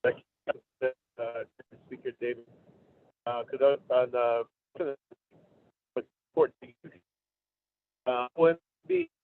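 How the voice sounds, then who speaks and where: A man, a council delegate, speaking in a formal meeting over a video call whose audio keeps breaking up and cutting out, his phrases coming out halting and broken off. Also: mid-range voice, no room sound. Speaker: council delegate joining remotely. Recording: tinny choppy video call line.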